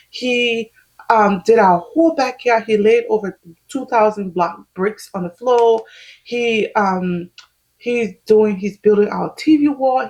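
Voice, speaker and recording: A woman's voice: mid-range voice, a little mellow, husky, poor audio. A woman, chatting casually at home while doing her makeup, laughing often as she explains each step. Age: 30s. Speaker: vlogger.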